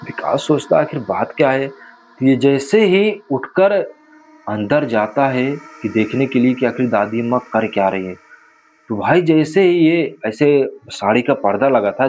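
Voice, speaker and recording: A man's voice: mid-range voice, expressive, measured pace, a little mellow, slight background noise. A man narrating a horror story in a casual, conversational way, speaking straight to the listener. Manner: conversational, addresses listener directly.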